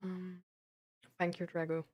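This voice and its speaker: A young adult woman livestreams a casual chat with her viewers about mental health and self-improvement, speaking in a lowish, darkish voice with a flat, slow delivery. She explains things informally and ramblingly, using lots of filler tags, with slight background noise.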